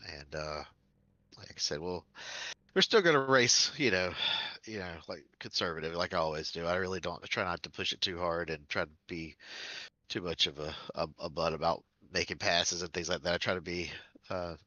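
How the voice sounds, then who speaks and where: A very low-voiced man with a stuffy nose from a cold, speaking in a laid-back, rambling post-race chat. His tone has a bright edge, and the dry, muffled lo-fi line makes it sound like voice chat. He laughs often between his thoughts. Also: normal speed, no room sound. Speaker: sim racing driver.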